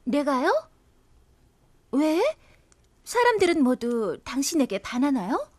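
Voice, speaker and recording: A woman playing a spirited, outspoken young heroine in an audio drama, expressive and exclamatory. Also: high voice, takes it slowly, exaggerated voice. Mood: hesitant, probing. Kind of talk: animated audio drama acting.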